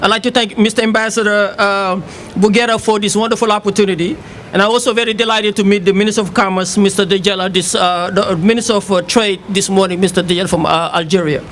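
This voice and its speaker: A man from Senegal, giving formal remarks as a city office director, halting with many fillers. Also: sits high, steady tone, a bit bright, slight background noise.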